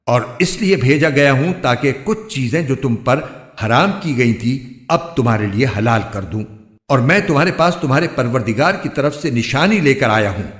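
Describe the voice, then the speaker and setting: Male scripture reader, mid-pitched voice, measured solemn delivery, roomy echo. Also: lively intonation. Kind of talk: scripted reading of a scripture translation. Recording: echoey, roomy recording.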